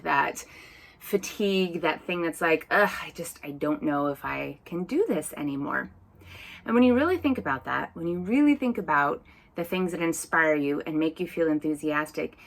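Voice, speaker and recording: Playful woman drama therapist vlogging. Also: lowish voice. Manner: playful, tongue-in-cheek, animated asides. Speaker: drama therapist and life coach. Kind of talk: talking-to-camera vlog.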